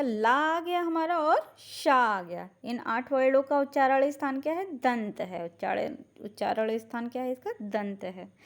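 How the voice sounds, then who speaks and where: A woman teacher giving a lecture, asking questions and answering them herself, spelling out syllables slowly one by one. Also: high-pitched. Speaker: Ayurveda teacher. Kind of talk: classroom lecture, Sanskrit grammar.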